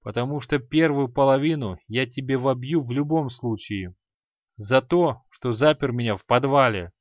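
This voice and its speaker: A man voicing a gruff, short-tempered bearded mage who threatens with barely held-back anger. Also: medium pitch, moderate pace, no room sound, muffled recording, close to an everyday voice. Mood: menacing.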